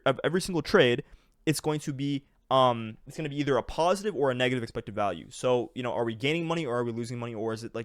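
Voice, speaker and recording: Fast, excitable young man explaining with fillers. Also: mid-range voice, no echo, clean studio sound. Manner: rambling, many fillers and restarts, excitable. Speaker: trading educator. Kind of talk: casual screen-share explainer.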